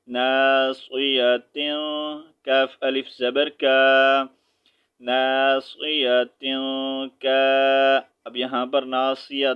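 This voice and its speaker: A man teaching Quran recitation, spelling out letters and reciting slowly, then explaining in quick asides with a Pakistani Urdu accent. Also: mid-range voice, smooth, dull audio.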